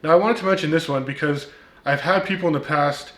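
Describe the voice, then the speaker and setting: A watch reviewer hosting his own channel talks in a casual vlog, answering critics with wry comebacks and plenty of ums and uhs. He has a slight Turkish accent and a somewhat high, slightly bright voice, speaking a little fast in an echoey room.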